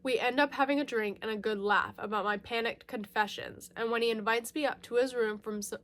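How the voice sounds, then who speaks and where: This woman's voice is a little high and a bit bright, with fairly even intonation and a slightly fast pace. Chatting her way through a casual book haul, she reads blurbs aloud, giggles, and corrects herself, slightly nasal from a lingering mild cold.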